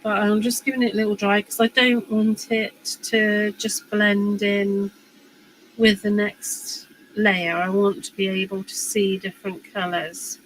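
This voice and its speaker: A woman's voice: medium pitch, level tone, a little hiss or hum, low-quality recording. A woman chatting to viewers in a live crafting demonstration, talking as she works. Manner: chatty and unhurried, talks while working.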